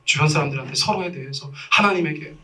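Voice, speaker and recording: Bright-voiced pastor, animated and self-mocking. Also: male voice, fairly high pitch, quick pace, far from the mic. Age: 40s. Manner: animated storytelling with self-mocking humor and acted quotes. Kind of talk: sermon. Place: church sanctuary.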